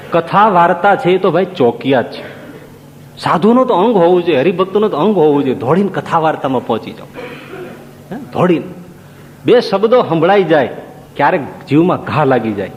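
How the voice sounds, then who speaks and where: A preacher tells devotional stories in a high-leaning, sing-song voice at normal speed with long pauses, often putting rhetorical questions to his listeners. The sound is dull and lo-fi, with long reverb and faint ambience.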